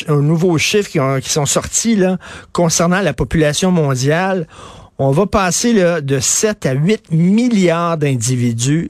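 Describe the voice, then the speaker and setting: Male radio host, Quebec French accent, slightly high-set voice, dry close sound, casual and opinionated. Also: dry recording. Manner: colloquial, opinionated. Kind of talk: casual current affairs discussion.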